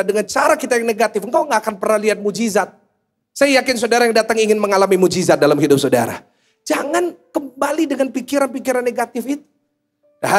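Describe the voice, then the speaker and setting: A man preaches in a high, bright-pitched voice, swinging between joking asides and earnest points. He keeps turning questions back to his congregation in lively call-and-response. Faint music sits behind the sermon. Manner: jokey, animated, asks the congregation questions. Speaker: pastor. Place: church service before a congregation.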